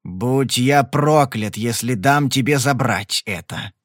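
A man voicing a menacing male gambler who speaks slowly in a low, threatening growl. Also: lively intonation, no echo, clean studio sound, lightly acted.

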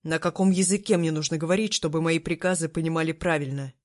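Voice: mid-range voice, fairly even intonation, fast, close to an everyday voice. A narrator voicing a stern young emperor who gives orders in a curt, commanding way in an audiobook. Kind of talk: audiobook character voice.

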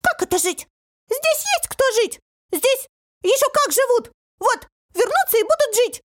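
A woman voicing a tiny, boastful, long-nosed little man from a children's story, with a thin, piercing, squeaky voice that shouts excitably. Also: moderate pace. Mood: indignant.

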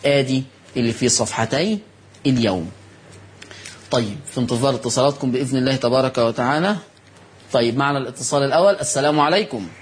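This man, a TV host who teaches Quran recitation, speaks with an Egyptian Arabic accent during a broadcast lesson. He reads his notes slowly with emphasis on key words, asks his audience questions and supplies the answers, his medium-pitched voice carrying a little hiss or hum.

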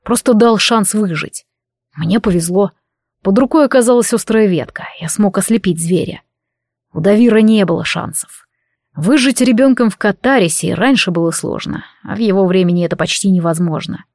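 A woman voicing a brooding, gruff male warrior who speaks in a dry, mocking way, in an audiobook. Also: mid-range voice, moderate pace, a little mellow, dry recording, lightly acted. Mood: wistful, flat.

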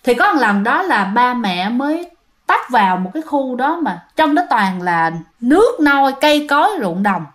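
A woman's voice: on the high side, big pitch swings, normal speed. A woman telling ghost stories in a chatty way and often speaking straight to her listeners. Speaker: ghost story narrator. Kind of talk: casual storytelling to listeners.

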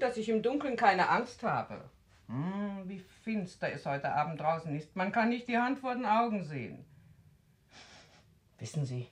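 A woman's voice: mid-range voice, close to an everyday voice. An actress playing a chatty, teasing neighbour woman in a 1960s radio drama. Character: nosy gossiping village neighbour woman.

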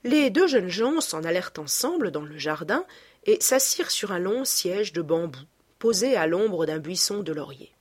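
A woman narrating a classic novel as an audiobook reader, calm and descriptive. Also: fairly low pitch, moderate pace, husky, no echo.

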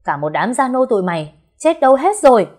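A woman voicing a spoiled, hot-tempered young woman who yells and whines in a shrill voice in an audio story. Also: normal speed, natural voice. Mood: furious. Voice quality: shrill, shouting. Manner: yelling and whining.

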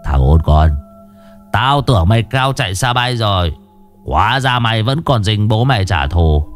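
A man's voice: lowish voice, expressive, normal speed, soft background music, lightly acted. A man voicing a cruel, cowardly male gang boss who cackles and stammers as he begs. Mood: gloating.

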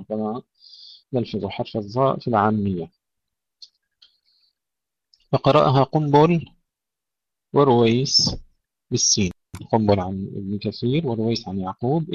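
A man teaching tajweed, calmly explaining the rules and reciting verse examples slowly and drawn out. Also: medium pitch, dry recording, dull audio.

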